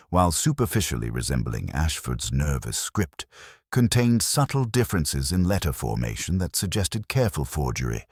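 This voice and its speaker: An audiobook narrator with an extremely low, deep, slightly rough voice reads a mystery story. His delivery is formal and measured, yet his pitch moves in a lively way. The recording is dry and close, with no room sound or echo.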